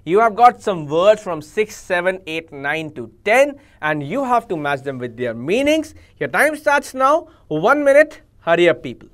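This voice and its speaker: A man with an Indian accent runs a live online vocabulary class, speaking slowly and deliberately. He coaxes his viewers, repeating every answer and pressing them to type along. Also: sits high, sing-song, a bit bright. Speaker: exam coaching teacher.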